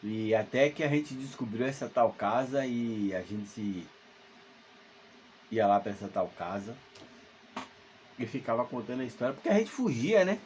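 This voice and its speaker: A man's voice: medium pitch, expressive, normal speed, pauses often, a little mellow, slight background noise. A man, telling a spooky childhood story at home in a rambling, hesitant way full of fillers and restarts. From Salvador, Brazil. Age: 50s. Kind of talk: casual spoken ghost story. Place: at home alone.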